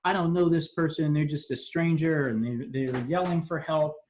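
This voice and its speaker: A man's voice: fairly high pitch, fairly even intonation, moderate pace, darkish tone, slight background noise. A young man, a law student, explaining contract law in an informal video lesson, talking casually with frequent fillers and restarts. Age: young adult.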